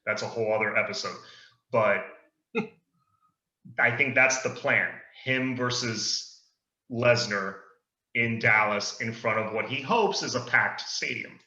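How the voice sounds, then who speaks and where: A podcast co-host with a bright, mid-range voice leads a casual chat about wrestling, sounding easygoing and opinionated. He takes it slowly and pauses often, and the echoey room gives the recording a dull lo-fi quality.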